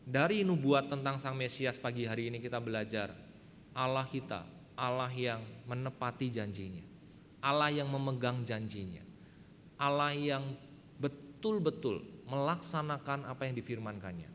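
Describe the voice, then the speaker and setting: A man's voice: mid-range voice, moderate pace, fairly bright tone, long reverb tail, a little hiss or hum. A man preaching a sermon, emphatic and often addressing the congregation directly, telling a story. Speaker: pastor. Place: church hall.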